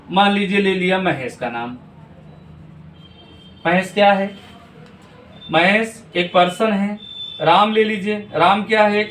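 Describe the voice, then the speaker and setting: In a classroom-style video lesson, a man teaches English grammar, posing questions to his students, answering them himself and checking in often with "theek hai na". His voice sits high with a fairly bright tone. The room is echoey, the mic distant, with slight background noise.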